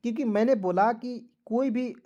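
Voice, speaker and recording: A man's voice: very high voice, moderate pace, warm tone, highs cut off. Fields: sex: man. Style: spelling lesson. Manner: spells words letter by letter, often asking "ठीक है ना"; friendly, calls viewers friends. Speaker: English teacher.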